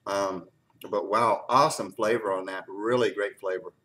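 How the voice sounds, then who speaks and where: A man doing a casual hot-pepper tasting review, teary from the heat. He talks haltingly, with lots of fillers, and keeps clearing his throat. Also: on the low side, steady tone, fairly bright tone.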